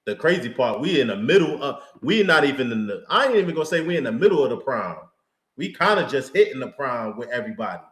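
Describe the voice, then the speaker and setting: A man's voice: medium pitch, sing-song, fast, fairly bright tone. A man co-hosting a live sports talk show, chatting in a laid-back, slangy way as a fan. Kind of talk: casual live sports chat. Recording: roomy echo.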